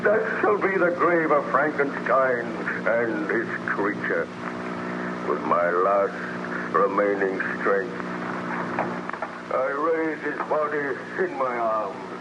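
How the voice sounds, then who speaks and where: A man's voice: medium pitch, takes it slowly, muffled recording, natural voice. An actor playing a bitter, anguished, lonely man-made monster in solemn, declamatory 1930s radio drama style. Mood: mournful, resolved. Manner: declamatory, solemn, theatrical, formal phrasing. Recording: noisy, band-limited 1930s radio recording.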